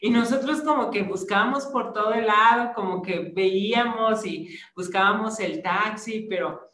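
A woman's voice: moderate pace, a bit bright. Mexican woman telling a story in a roomy echo. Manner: storytelling, acts out quoted voices with sudden high bursts. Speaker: testimony giver. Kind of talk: personal faith testimony.

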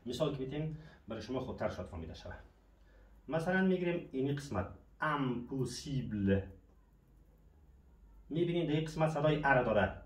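A man's voice: on the high side, a little mellow. A man teaching a language lesson, patiently asking questions and answering them himself. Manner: patient, asks and answers his own questions. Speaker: French teacher. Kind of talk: classroom lesson explanation. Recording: echoey room, mic at a distance.

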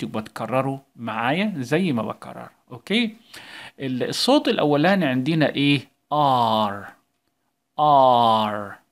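A male English teacher with an Egyptian Arabic accent, giving a recorded lesson to young children and calling out words for them to repeat. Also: a little high. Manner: coaxing, calls out English words for the class to repeat.

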